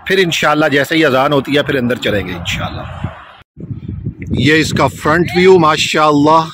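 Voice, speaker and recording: A man's voice: a little high, animated, moderate pace. Man, 30s, travel vlogger, eager mosque tour talk, phone camera at arm's length, constant background noise. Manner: enthusiastic, devotional phrases. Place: car at night, then outside a mosque.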